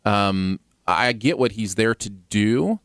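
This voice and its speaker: A man's voice: fairly low pitch, lively intonation, slow pace, a bit bright, clean tone, dry recording, studio quality. A man hosting a podcast, talking casually in a film discussion. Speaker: podcast host.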